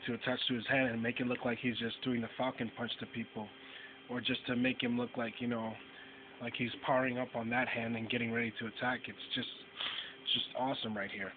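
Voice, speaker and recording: A man chatting casually through a toy review, rambling and restarting his sentences as he goes. His voice sits at an ordinary pitch and sounds thin and phone-like, with a faint hiss underneath. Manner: rambling, many fillers and restarts.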